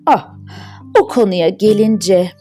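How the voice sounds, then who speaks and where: A woman voicing a sly, cowardly young prince in a fairy tale, speaking in a smooth, offhand way. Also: medium pitch, takes it slowly, dark tone, soft background music, natural voice.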